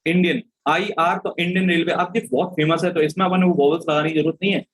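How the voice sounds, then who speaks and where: A man's voice: on the high side, steady tone, fast, rough recording. A young adult man teaching a reasoning class, playfully repeating letter pairs and memory words. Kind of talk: classroom lesson.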